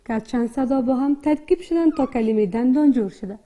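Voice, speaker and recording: Speaking in a high, gentle, mellow voice, this woman is a primary school teacher with an Afghan Dari accent. She takes young children through a slow reading lesson full of repetition, sounding out each word piece by piece and patiently going over every sound again.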